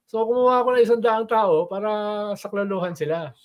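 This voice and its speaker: A man's voice: high-pitched, a little fast. An older man discussing politics in a casual talk show, explaining at length and tagging sentences with "no?".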